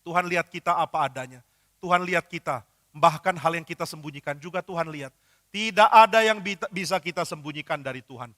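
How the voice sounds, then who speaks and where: A man preaching voices an old male painter who calmly and earnestly explains himself. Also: on the high side, a little fast, dry recording, clean studio sound, in a large hall, natural voice.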